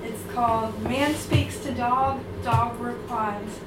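A woman's voice: a little high, fairly even intonation, takes it slowly, over loud music. A woman reading her own light poem, wry and self-deprecating, shifting between character voices. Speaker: poet reading her work. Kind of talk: poetry reading. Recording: distant, echoey room with hiss.

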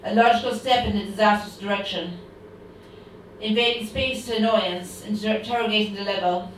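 A woman's voice: medium pitch, fairly even intonation, a little fast, distant mic, a little hiss or hum. Woman reciting poetry in an echoey room. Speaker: poet reading her work. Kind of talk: poetry reading.

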